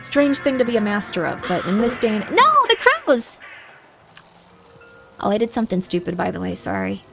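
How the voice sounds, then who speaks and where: This streamer's medium-pitched voice is gravelly and fairly bright, with big pitch swings at a normal speed. She chats playfully and casually while reacting aloud to her game, with prominent game music behind her.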